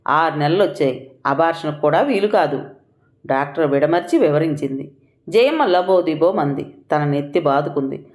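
A woman narrating an audio story in an expressive, measured way. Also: low-pitched.

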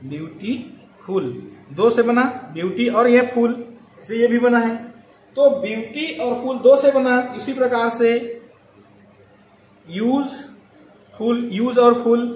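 Man, teacher, slow deliberate explaining, faint background hiss. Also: very high-pitched, darkish tone. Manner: slow and explanatory, repeats key words and drawing out examples. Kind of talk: grammar lesson. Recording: echoey room with faint ambient noise.

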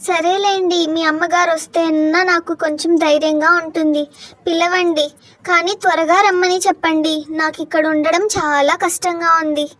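A woman's voice: very high-pitched, little pitch movement, normal speed, a bit bright, no room sound. A woman voicing an anxious young wife and mother in a cartoon, who speaks pleadingly. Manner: pleading, fearful.

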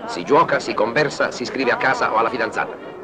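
A man's voice: medium pitch, expressive, fairly quick, crowd noise. A man narrates a wartime newsreel in a formal, declamatory, scripted style. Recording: noisy 1940s archival newsreel soundtrack.

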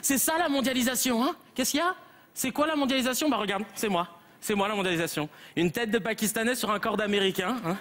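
A man's voice: high-pitched, fast, a bit bright. A man playing a fed-up schoolteacher. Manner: scolding, exasperated. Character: exasperated schoolteacher scolding his class. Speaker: comedian. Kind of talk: stage comedy sketch. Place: theater stage before an audience.

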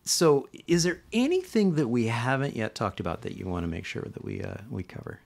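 A man hosting an interview, soft-spoken, with short affirmations and halting restarts. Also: mid-range voice, wildly swooping pitch, vocal fry. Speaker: podcast host. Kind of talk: casual interview chat.

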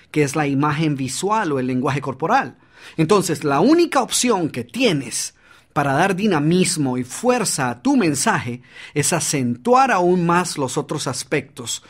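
A man narrating his own audiobook on public speaking, coaching the listener directly and demonstrating shifts in volume and pace. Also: fairly high pitch.

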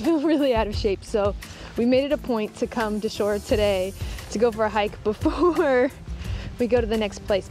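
Holding her phone at arm's length, a sailing vlogger in her thirties films herself outdoors on a wooded island shore. She chats enthusiastically and giggles in a casual vlog, her mid-range voice slightly mellow.

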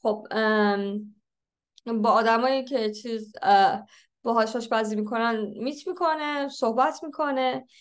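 معلم زن با صدای نسبتاً زیر. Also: female voice, on the high side, fairly even intonation. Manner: switches between slow read-aloud English and quick explanations. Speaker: English teacher. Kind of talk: explaining a textbook lesson.

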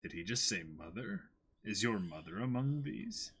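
A man in his twenties hosts a video reading a manga aloud, moving between dramatic narration and casual reaction chat. His voice is fairly low, very animated, slightly rough and fairly bright at a normal speed. He records in a small indoor room against a plain backdrop.

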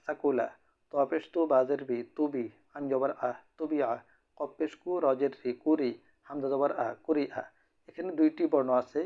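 A man teaching Quran reading, spelling out syllables and repeating them in a slow, rhythmic drill. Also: mid-range voice. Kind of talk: slow spelled-out recitation lesson. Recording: dull lo-fi recording.

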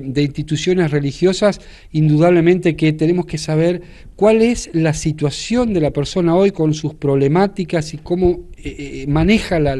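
An older man talks into a handheld reporter mic for a local news segment. His voice sits somewhat high for a man, and he explains his church's event at length, stopping often to restart sentences with fillers. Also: mellow. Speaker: church leader. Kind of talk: TV news interview. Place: indoors in front of a studio backdrop.

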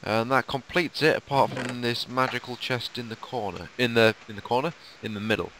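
A man co-hosting a casual game commentary, chatty and rundown-style, with a sleepy, croaky late-night voice. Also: medium pitch, steady tone, a little fast, noisy background. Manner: chatty, tour-guide rundown with fillers. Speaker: let's play co-host.

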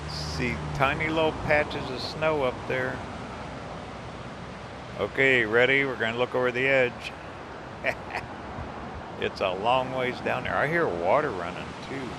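Slow, easygoing man narrating a drive. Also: medium pitch. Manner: relaxed, chatty, easily delighted by the scenery. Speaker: RV travel vlogger. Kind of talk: casual road trip narration. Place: outdoors, driving and at roadside pull-offs in the mountains. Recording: outdoor vehicle and road noise.

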